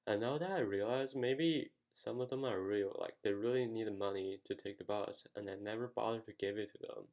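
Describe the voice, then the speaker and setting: A man's voice: fairly low pitch, brisk, darkish tone. A young American man telling a story in a casual vlog, rambling and using lots of "like" fillers. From United States. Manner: rambling, heavy use of "like" fillers. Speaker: vlogger.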